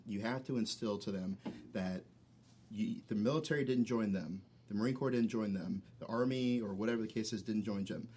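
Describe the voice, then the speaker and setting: Blunt, sweary man with a lowish voice. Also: fairly quick, mellow, husky. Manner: profane, blunt. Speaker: podcast guest, military veteran. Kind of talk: casual chat.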